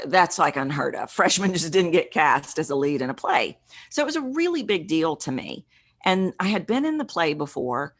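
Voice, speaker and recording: A middle-aged woman, a voice coach, telling a personal story in an interview in an earnest, reflective way with halting restarts. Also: low voice, fairly bright tone. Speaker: podcast guest, voice coach.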